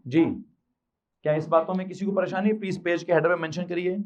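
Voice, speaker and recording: A man's voice: sits high, fairly even intonation, quick pace, a little mellow, lo-fi sound. A male physics teacher with a Pakistani Urdu accent, lecturing a class and quizzing the students with repeated questions.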